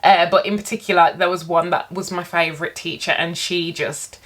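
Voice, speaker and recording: A woman vlogger chatting casually to camera while eating, telling stories in an animated way with her mouth sometimes full. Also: fairly low pitch, normal speed. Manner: animated storytelling, acting out quotes. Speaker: English teacher. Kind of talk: casual mukbang chat to camera.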